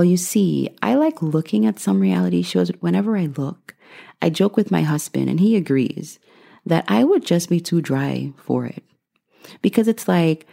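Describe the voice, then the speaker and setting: Woman in her thirties, low and gravelly, mellow tone, dry humor, casual Q&A vlog. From Guyana. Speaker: vlogger.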